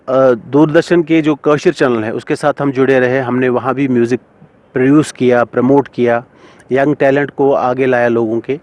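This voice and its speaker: A middle-aged man, a singer and composer being interviewed, speaking thoughtfully with many pauses and fillers. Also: mid-range voice, darkish tone. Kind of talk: casual interview talk.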